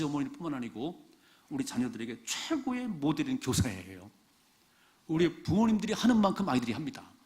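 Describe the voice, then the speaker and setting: A man's voice: mid-range voice, darkish tone. A man preaching a sermon as pastor, speaking straight to the congregation with frequent rhetorical questions.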